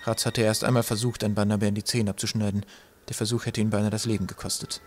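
A man reading an audiobook aloud in a measured storytelling manner. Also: lowish voice, flat delivery, a little hiss or hum. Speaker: audiobook narrator. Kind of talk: scripted narration.

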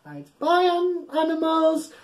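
Slow-paced, with a very high voice and wildly swooping pitch, a man in his thirties reads to young children at bedtime. His reading is playful and exaggerated and he urges them to join in, in a small furnished room at home.

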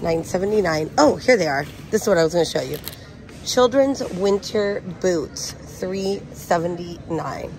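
A woman's voice: on the low side, animated, moderate pace. A woman chatting casually to her phone camera as she walks a supermarket aisle, eagerly pointing out bargains. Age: adult with a son. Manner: chatty, enthusiastic about bargains. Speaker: shopping vlogger. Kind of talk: casual shop-with-me narration. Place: indoors in a discount supermarket aisle. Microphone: handheld phone camera. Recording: store noise in the background.

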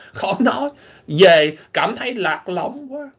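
A man from Vietnam, talking animatedly in a casual opinionated vlog, clearing his throat often. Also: high voice, sing-song, slow pace. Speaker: vlogger.

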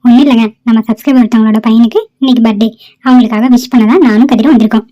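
A woman's voice: fairly high pitch, steady tone, rapid-fire, warm tone, lo-fi sound. A woman channel host giving a chatty, cheerful introduction and a birthday wish.

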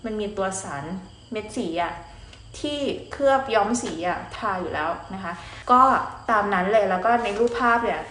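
A woman's voice: mid-range voice, a bit bright. A woman doctor hosting her channel, explaining skin and hair care in a chatty, polite way. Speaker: dermatologist host. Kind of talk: casual explainer talk. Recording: roomy echo, faint noise.

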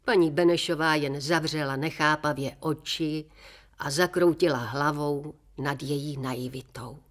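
A woman reading a children's story aloud with clear, steady storytelling. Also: low voice. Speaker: story reader.

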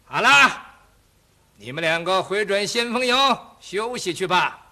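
A man's voice: high voice, lively intonation, a little slow, pushed and bright, full character voice. A man doing a sneering, bossy marshal. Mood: mocking commanding. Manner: sarcastic, barking orders. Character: villainous scheming male marshal, mocking, domineering.

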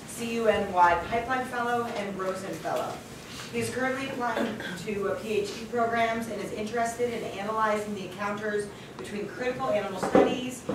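Halting woman in a very echoey room. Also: mid-range voice. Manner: halting, stumbles over words. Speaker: panel chair introducing a speaker. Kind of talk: reading out a speaker biography. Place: wood-panelled conference room, indoors. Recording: very echoey room, distant mic, background noise.

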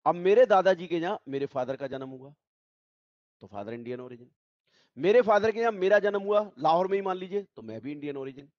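A man's voice: high voice, expressive, brisk, a little mellow, dry recording, lo-fi sound. A male teacher giving an online tax class, explaining step by step and repeating the key points. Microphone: video call.

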